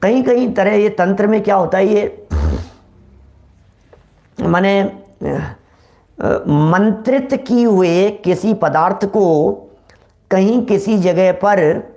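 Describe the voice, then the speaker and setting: A man's voice: sits high, slow, pauses often, mellow. A man giving a religious discourse, explaining in a repetitive way and addressing listeners familiarly. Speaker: religious lecturer.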